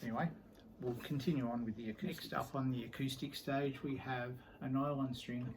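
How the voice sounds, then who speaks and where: Middle-aged male collector, casual and unhurried, mid-pitched, rambles with plenty of filler words, faint room hum behind. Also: steady tone. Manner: rambling and easygoing, with many ums and trailing sentences. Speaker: guitar collector showing his instruments. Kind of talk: casual show-and-tell vlog.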